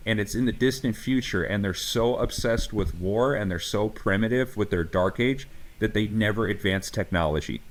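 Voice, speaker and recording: Low-voiced guy coach ranting on a podcast, swears a lot, lots of "like" and "uh". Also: moderate pace. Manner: passionate ranting, profane, many fillers and restarts. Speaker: strength coach and podcast co-host. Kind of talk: casual podcast talk.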